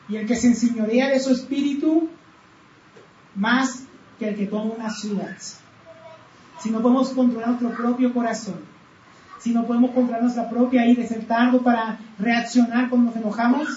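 Earnest male preacher, rhetorical questions, slow measured scripture reading; roomy, lo-fi recording with faint background noise. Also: very high voice, a little mellow. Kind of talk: sermon. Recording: roomy, distant, dull sound with faint background.

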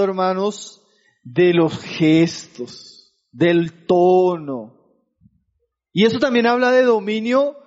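A man's voice: high-pitched, a little mellow, muffled recording. A man preaching to his congregation, calling them brothers and keeping them engaged with rhetorical questions. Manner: keeps asking the congregation for agreement; addresses listeners as brothers. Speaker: pastor. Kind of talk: sermon.

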